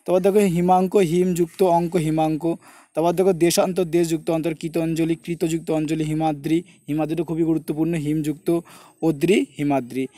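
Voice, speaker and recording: Higher-voiced man coaching an exam class. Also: flat delivery, warm tone, no room sound. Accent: Bengali from West Bengal. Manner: repetitive coaching, keeps saying look and notice; slows down to spell out word splits. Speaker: exam-prep Bengali tutor. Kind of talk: online lesson with screen walkthrough.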